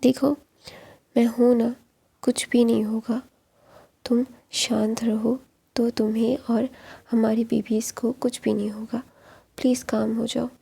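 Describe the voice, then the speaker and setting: A woman voicing a gentle, soothing young husband. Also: a little high, level tone, a little slow, gravelly, long pauses, husky, heavily acted. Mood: tender, soothing.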